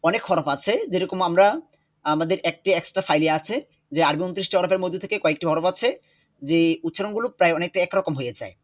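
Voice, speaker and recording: Husky-voiced man teaching an online class. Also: sits high. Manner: explains slowly, repeats words, drills pronunciation. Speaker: Quran teacher. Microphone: video call.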